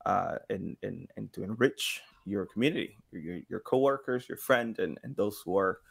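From a room at home, a thirtysomething engagement director and sound designer chats as an interview guest, acting out imagined back-and-forths with expressive flair. His lowish voice is husky with vocal fry, and he keeps a moderate pace.

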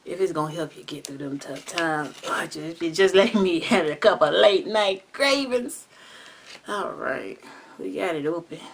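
A chatty woman with a Southern accent and a fairly low voice, talking straight to her camera in a casual, slangy way as she taste-tests food. She breaks into loud, excited exclamations when something pleases her. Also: moderate pace, vocal fry, slight background noise. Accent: Southern American. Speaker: vlogger.

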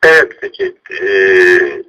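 A man speaking haltingly in short, repeated radio-style phrases over a thin two-way radio or phone line. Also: low-pitched, sing-song, bright, forceful tone.

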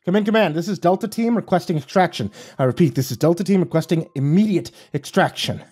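A man's voice: sits high, fast, darkish tone, breathy edge, voice pushed up. A man voicing a desperate male squad captain who barks urgent orders in a horror audiobook.

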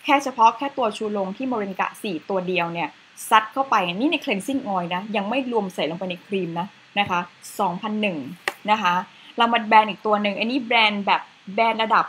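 A woman's voice: mid-range voice, brisk, few pauses, a bit bright, a little hiss or hum, poor audio. A woman presenting a facial cleanser in a chatty, casual way with slides, adding polite particles to most phrases.

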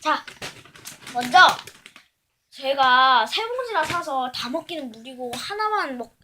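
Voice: high-pitched, very animated, slow pace, pushed and bright, slight background noise. A casual mukbang host with a child-like voice, chatting while opening and crunching chips. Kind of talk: casual snack-tasting mukbang vlog.

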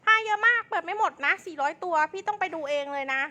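A woman doing fast hype live selling as an online clothing seller, with insistent, repetitive sales patter. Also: very high-pitched, bright, forceful tone.

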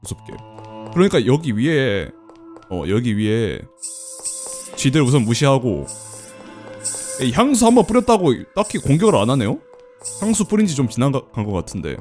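A man giving chatty, excitable commentary while playing a horror game, exclaiming often. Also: mid-range voice, normal speed, long pauses, soft background music. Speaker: game streamer. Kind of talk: let's play commentary.

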